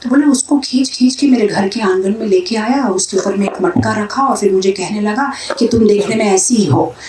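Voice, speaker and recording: A woman voicing an excited village woman who gossips eagerly with a neighbour, in a roomy hall. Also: mid-range voice, fairly quick, a little hiss or hum, natural voice. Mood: gossipy. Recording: roomy hall sound from a distance.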